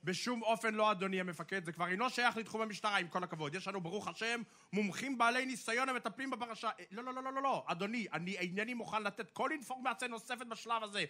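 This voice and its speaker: An actor playing a self-important senior official in a radio comedy sketch, pompous, officious and evasive. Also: male voice, high-pitched, hardly any pauses, pushed and bright.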